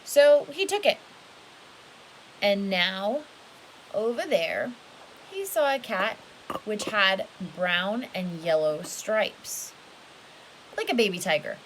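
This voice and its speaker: Here a storybook reader with a medium-pitched voice goes slowly, pausing often, her intonation lively as she elongates key words and adds casual remarks. It's a poor-quality home recording full of hiss and background noise.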